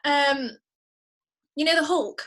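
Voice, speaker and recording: A singer-songwriter chats casually as a podcast guest, speaking emphatically and thinking aloud as she goes. Her voice sits high and is a bit bright, and she speaks at a slow pace.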